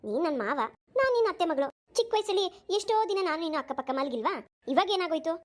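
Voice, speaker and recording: Woman doing a cheeky young cartoon cousin, quick and high, teasing and coy. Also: very animated. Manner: teasing, innocent-sounding. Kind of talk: cartoon voice acting.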